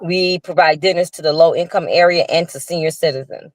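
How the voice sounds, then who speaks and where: An older Chicago woman who owns a restaurant tells her story as a guest over a video call, earnest and casual, with frequent restarts, in casual interview talk. Her voice is on the low side and fairly quick, with no room sound.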